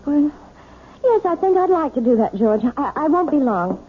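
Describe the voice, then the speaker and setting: A woman's voice: high voice, sing-song, moderate pace, phone-quality sound. A woman playing a timid, nervous, apologetic wife in 1970s radio drama style, hesitant and stammering. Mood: anxious, apologetic. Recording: thin, band-limited old radio broadcast.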